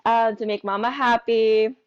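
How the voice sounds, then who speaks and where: A woman's voice: fairly high pitch, steady tone, unhurried, dull audio. A woman guest on a podcast, talking in a cheerful, chatty way with frequent fillers. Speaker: guest photographer. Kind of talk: casual interview.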